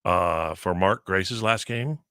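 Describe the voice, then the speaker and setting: A man's voice: low voice, slow, pushed and bright, dry recording, clean studio sound. A man hosting a radio show in casual morning chat.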